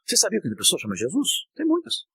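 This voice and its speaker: A man preaching an impassioned sermon, at times shouting and at times dropping low. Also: wildly swooping pitch, quick pace, breathy edge, poor audio. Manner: impassioned, often shouting, swinging from high to low.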